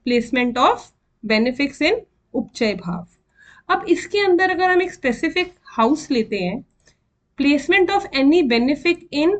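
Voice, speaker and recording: Slow-speaking high-voiced woman teacher. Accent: Indian English mixed with Hindi. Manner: slow, deliberate, counts and repeats terms. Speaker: astrology teacher. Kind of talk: explanatory lesson.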